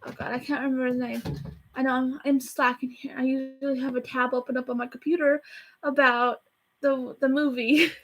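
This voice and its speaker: High-voiced chatty woman rambling fast. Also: poor audio. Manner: chatty, rushed, self-deprecating, rambling. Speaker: YouTuber reviewing a movie. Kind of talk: casual rambling review. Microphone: camera facing her.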